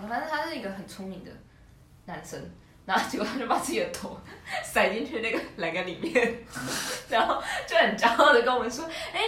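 A young woman, co-hosting a podcast and telling school stories in an animated, giggly way. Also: a little high, a little hiss or hum. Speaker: podcast co-host. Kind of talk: casual chat, storytelling. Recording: roomy echo.

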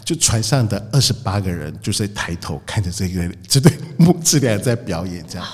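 A man in casual podcast chat who tells a lively story, taking on the voices of the people in it. He talks quickly, and the recording has a long, roomy reverb. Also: lowish voice, slightly rough. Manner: animated storyteller, acts out the people in his story. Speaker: whale-watching boat operator, podcast guest.

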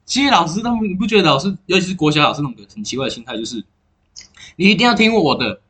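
A man's voice: a little high, animated, racing, fairly bright tone. A young man, a co-host in a casual chat, ranting and laughing as he talks. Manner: chatty, laughs while ranting.

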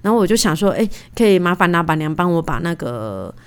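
A woman in her thirties hosting a casual solo podcast, telling stories in a chatty, animated way with lots of fillers. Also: fairly low pitch, quick pace, clear, resonant tone. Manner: chatty, animated, indignant retelling; many fillers like "you know". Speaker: podcast host.

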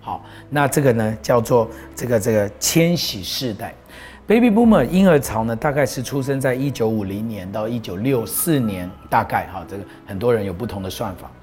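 A man's voice: mid-range voice, lively intonation, moderate pace, darkish tone, faint music behind. A middle-aged man, a pastor giving an earnest, proclaiming talk that he mixes with personal stories. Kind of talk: preaching talk on a show.

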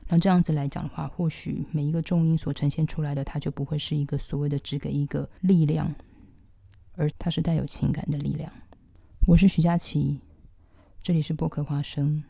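A woman with a Taiwanese Mandarin accent, a pianist hosting a podcast, talking through music in a measured, thoughtful way and slowing down to stress her points. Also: low voice, level tone, gravelly, warm tone, no echo, clean studio sound. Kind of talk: reflective music commentary.

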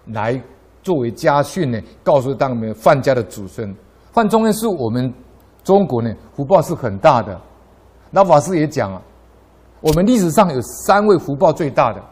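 This middle-aged Taiwanese man, a lay Buddhist speaker, gives a dharma talk packed with anecdotes. His voice is medium-pitched and a little mellow, and it rises sharply whenever he tells a story.

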